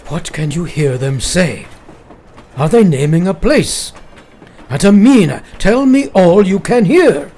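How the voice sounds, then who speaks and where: A man's voice: sits high, big pitch swings, slow, warm tone, exaggerated voice. A man in a radio play acting a grave, courteous older professor who leads vampire hunters, speaking formally in old-fashioned phrases. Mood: urgent.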